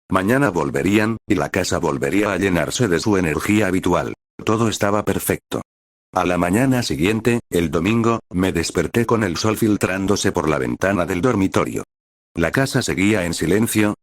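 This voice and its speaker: Narrador de voz muy grave, lectura pausada de relato, sonido seco y cercano. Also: male voice, low voice, no room sound, studio quality. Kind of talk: first-person story narration.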